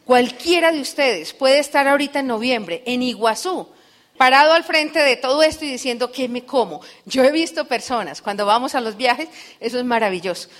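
A woman's voice: high-pitched, expressive, fairly quick, a bit bright. A middle-aged woman giving a live motivational speech to an audience, telling stories and asking the crowd rhetorical questions. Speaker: motivational business speaker.

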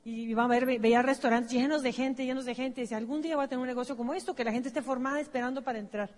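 A Mexican woman tells her own story to a seminar audience and corrects herself as she goes. Her voice sits fairly high. The long reverb of a large hall trails after her words. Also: fairly even intonation, very fast, darkish tone. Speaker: business seminar presenter. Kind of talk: personal storytelling on stage.

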